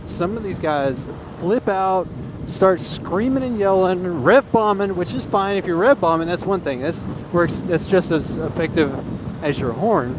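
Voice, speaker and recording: This high-voiced man from Texas talks at a measured pace through his helmet microphone while riding his motorcycle. As a motovlogger giving a casual opinion monologue, he stays earnest and repeats phrases for emphasis, with wind and engine noise loud in the background.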